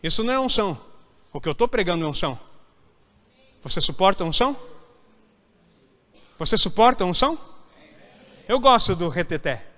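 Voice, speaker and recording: A man's voice: sits high, big pitch swings, fairly quick, long pauses, sharp tone. A man preaching an emphatic sermon as a pastor, now and then acting out whiny church members. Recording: hall reverb.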